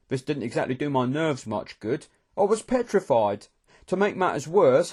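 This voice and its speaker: A man reading a novel aloud in the first person, steady and expressive. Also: on the high side. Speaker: audiobook narrator.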